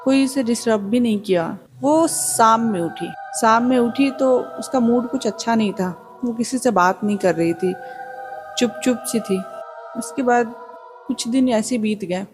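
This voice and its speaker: A woman's voice: a little high, a little slow. A woman casually retelling a true horror story as the channel's storyteller. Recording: music playing behind the voice.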